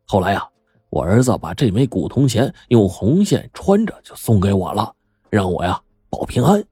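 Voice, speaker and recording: A man voicing a timid older worker who stammers and confides in a hushed, hesitant way. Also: on the low side, very animated, moderate pace, breathy edge, no echo. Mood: confiding. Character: timid older male worker, gossiping quietly.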